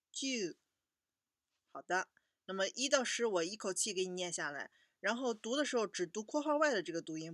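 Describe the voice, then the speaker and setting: A woman teaching a children's language lesson, patiently repeating each word slowly for young learners. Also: fairly low pitch, fairly bright tone, no room sound, clean studio sound.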